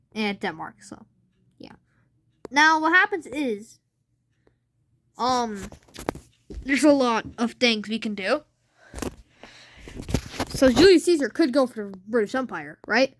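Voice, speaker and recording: A woman's voice: a little high, dry recording. A woman hosting a casual alternate-history map commentary, rambling with lots of fillers and unsure asides. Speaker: channel host.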